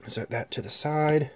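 A man casually chatting as he opens trading card packs, listing the cards in a relaxed way with fillers. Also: on the high side, slight background noise. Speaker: card-opening channel host. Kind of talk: casual chat.

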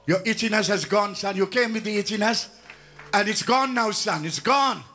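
A man pastor leading a healing service, blessing people with emphatic repetition and now and then breaking into song or shouting. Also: sits high, normal speed.

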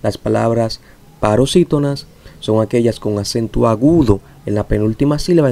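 A man teaching a recorded lesson, taking his time to explain each rule and then repeating it. His voice is gravelly, with a dark, mellow tone and a little fry at the ends of phrases. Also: fairly low pitch. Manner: patient, repeats rules to make them clear.

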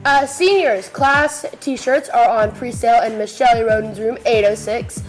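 Casting: teenage female student news anchor, slightly high voice, chatty and playful, light music underneath. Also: normal speed, rough recording. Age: teens. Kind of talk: school announcements. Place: small school video studio, seated at desk.

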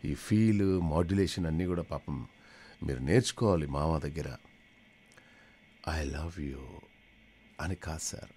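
A man's voice: extremely low pitch, moderate pace, mellow, a little hiss or hum. A man hosting a live radio show, telling comic stories in a chatty way and dropping in English phrases. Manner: chatty, mixes English phrases, switches between voices. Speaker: radio jockey.

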